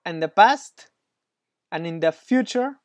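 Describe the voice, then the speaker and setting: Slow, patient male language tutor. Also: sits high, expressive, no room sound. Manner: patient, encouraging, praises often. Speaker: Spanish teacher.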